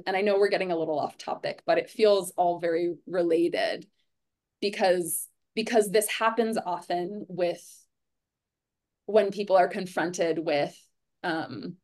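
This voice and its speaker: Thoughtful female guest, somewhat low-pitched, chatty and earnest, leans on "like" and "right?". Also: a little mellow. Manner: earnest and reflective, many "like" and "right?" tags. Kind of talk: conversational podcast chat.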